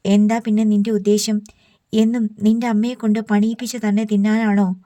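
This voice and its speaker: A woman's voice: medium pitch, level tone, moderate pace, no room sound, lightly acted. A woman reading the lines of an angry middle-aged father who scolds his daughter. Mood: stern. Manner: scolding, forceful.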